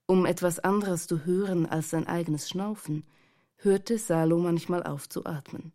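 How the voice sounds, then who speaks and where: A woman narrating a novel in a calm, measured storyteller's voice. Her tone is mellow and dark, sitting slightly low for a woman. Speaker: audiobook narrator. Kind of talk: scripted narration.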